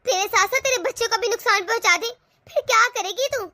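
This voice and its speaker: A woman's voice: very high-pitched, quick pace, dry recording. A woman voicing the caring, protective mother of a young bride in a cartoon. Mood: consoling. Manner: warm, coaxing, motherly. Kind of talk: cartoon voice acting.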